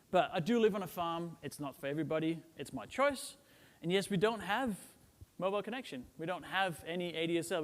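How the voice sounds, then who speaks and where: Joking Danish-born man in a reverberant hall. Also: sits high. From Denmark. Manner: chatty and joking, with frequent "right?" tags and "um" fillers. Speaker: conference speaker. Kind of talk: casual conference talk. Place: large conference hall.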